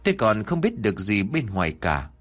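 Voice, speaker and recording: A man narrating a first-person ghost story in an animated, dramatic way. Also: fairly low pitch, brisk.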